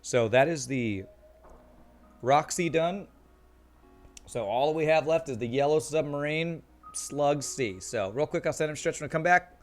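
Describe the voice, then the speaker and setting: A male streamer with a calm, soothing, slightly high voice sounds a little tired after a long session, speaking a little slowly with frequent pauses. Over faint, soft game music, he chats easily in casual live-stream commentary, reading comments aloud and laughing often.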